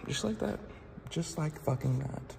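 This casual gym vlog features a man in his twenties with a medium-pitched, expressive, slightly mellow voice, a little slow and touched with vocal fry. Holding his phone low at arm's length in a large indoor gym, he rambles and swears out of frustration. The room echoes and there's slight background noise.

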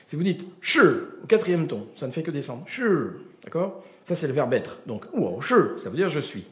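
A middle-aged man giving a comic storytelling lecture, animated and full of imitated voices and sounds, with many restarts. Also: on the high side, brisk, roomy sound. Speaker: performer of a gesticulated lecture.

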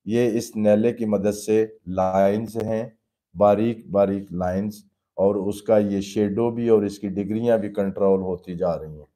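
Mellow-voiced painting teacher. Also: male voice, fairly low pitch, fairly even intonation, unhurried. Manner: patient, explains step by step in plain everyday terms; addresses students fatherly as "beta". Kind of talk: live painting demonstration lesson.

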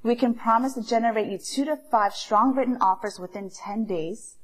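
A woman in her thirties, a real estate agent, speaking to the camera in a confident, promotional scripted pitch. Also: moderate pace, poor audio. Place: bright home interior, indoors.

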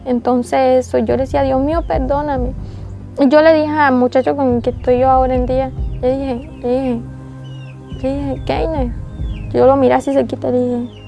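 A woman's voice: high voice, level tone, brisk, vocal fry, mellow, faint music behind. A young woman, giving an earnest, tearful testimony in an interview. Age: young adult. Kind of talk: emotional testimony.

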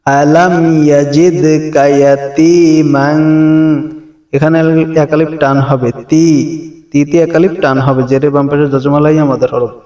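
A man teaching Quran recitation line by line, chanting each verse slowly and repeating it syllable by syllable, then explaining pronunciation rules in plain speech. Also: a little high, steady tone, darkish tone, far from the mic, dull audio. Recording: roomy, voice off the mic.

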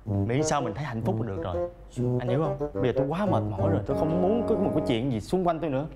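An actor playing a weary, brusque husband whose wife left him, in a family sitcom. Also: male voice, medium pitch, animated, racing, loud music behind the voice, close to an everyday voice. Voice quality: weary, brusque, bursts into agitated shouting. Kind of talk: sitcom acting.

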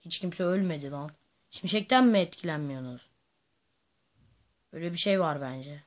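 A male gaming host giving playful, excitable commentary over his own gameplay, often chanting silly repeated sounds. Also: on the high side, moderate pace.

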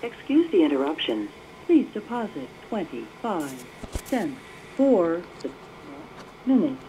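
Woman, recorded payphone announcement, formal, lively intonation, muffled phone line, faint hiss. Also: on the low side. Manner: formal, measured and polite. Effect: recorded prompt heard over a payphone line.

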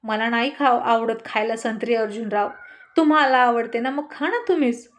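A bashful young wife who giggles and scolds in turn, as a woman narrator reads her, in a fairly high voice. Her lines come as light storybook dialogue. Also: steady tone, normal speed, natural voice. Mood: playful. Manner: shy, giggly, sometimes scolding.

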